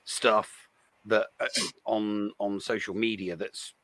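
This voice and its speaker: A man on a podcast talking casually and haltingly, restarting his sentences often. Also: lowish voice, flat delivery, a bit bright. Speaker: podcast guest. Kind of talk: casual chat.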